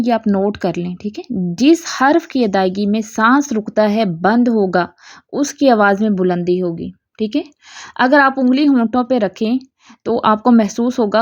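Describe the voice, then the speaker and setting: A woman with a Pakistani Urdu accent teaching Quranic pronunciation, stretching out model syllables slowly and often checking if students follow. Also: mid-range voice, dry recording, lo-fi sound. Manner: patient, drawn-out model syllables, frequent "theek hai?" checks. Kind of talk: tajweed pronunciation lesson.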